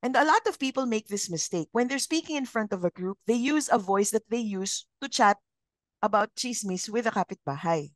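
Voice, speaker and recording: A middle-aged woman with a Filipino accent leading a communication training session, speaking in a measured, modulated trainer voice and putting questions to her learners. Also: on the high side, animated, no echo. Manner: interactive, asks learners questions. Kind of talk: live training session, mixing English and Filipino.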